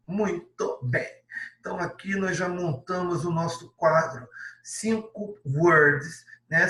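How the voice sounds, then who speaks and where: A man's voice: fairly high pitch, bright, forceful tone, roomy sound, far from the mic, poor audio. A male teacher with a Brazilian Portuguese accent, patiently correcting an exercise step by step and checking in with his students. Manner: patient, explains step by step, adds many tag questions. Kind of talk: classroom lesson correction.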